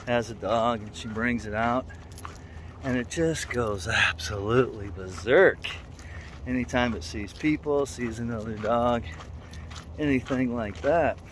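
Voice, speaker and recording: Man chatting outdoors on a walk. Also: mid-range voice. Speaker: dog trainer vlogger. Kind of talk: casual talk to camera while walking. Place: outdoors, walking in a neighborhood. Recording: outdoor ambient street noise.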